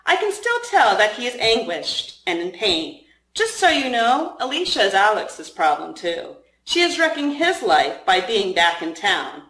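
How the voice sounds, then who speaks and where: A playful young FBI agent who ribs his partner, read by a woman. His lines bounce up and down with lively pitch, carried on a roomy echo. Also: measured pace. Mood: teasing. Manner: playful, teasing. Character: young adult man, teasing FBI agent. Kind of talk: audiobook reading.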